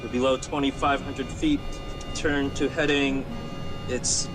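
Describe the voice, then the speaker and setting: An actor playing a pilot on a cockpit headset, crisp callouts. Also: male voice, medium pitch, level tone, a little slow, music in the background, close to an everyday voice. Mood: tense. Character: calm, experienced male airline first officer. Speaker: airline first officer. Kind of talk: cockpit radio calls and checklist callouts.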